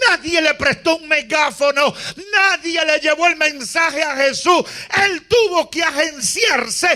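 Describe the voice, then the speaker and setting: A man preaching a passionate sermon at a church service, rising dramatically into shouts. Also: very high voice. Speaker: pastor.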